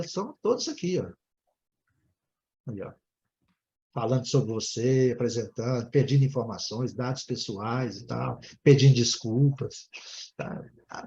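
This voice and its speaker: Ending almost every phrase with a quick "né?", a Brazilian Portuguese-speaking man explains things at length while teaching English online. His voice is mid-range and a little mellow, and the highs are cut off.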